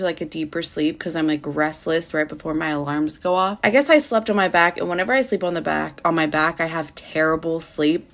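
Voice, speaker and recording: A woman's voice: low voice, a bit bright. A woman in her early thirties chatting casually in a rambling, conversational way for a home vlog, often saying "like". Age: early 30s. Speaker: vlogger. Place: indoors at home.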